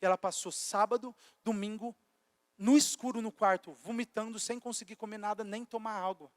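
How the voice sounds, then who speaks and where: A young man preaches with passion, telling his story in hushed tones and then rising to shouted calls. His voice is unusually high for a man. The sound carries a long reverb from a church hall. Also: fairly even intonation, moderate pace. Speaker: youth pastor. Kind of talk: sermon with personal testimony.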